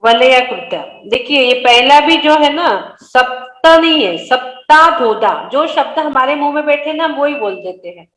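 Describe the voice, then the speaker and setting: A woman's voice: high voice, lively intonation, moderate pace, hardly any pauses, a bit bright, echoey room, rough recording. A woman leading an online scripture study class, patiently correcting her students' pronunciation word by word. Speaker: religious study class teacher. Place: online video meeting.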